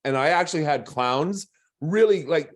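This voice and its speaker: Wry gruff-voiced male storyteller. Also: a little high, lively intonation, moderate pace. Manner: wry, punchline-driven delivery. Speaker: storyteller and drag performer. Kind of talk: reading a personal story aloud.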